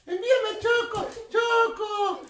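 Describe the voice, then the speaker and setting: A woman performing as a children's clown, greeting kids on a live stream in a giggly, excitable voice full of squeals. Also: extremely high pitch, takes it slowly, echoey room.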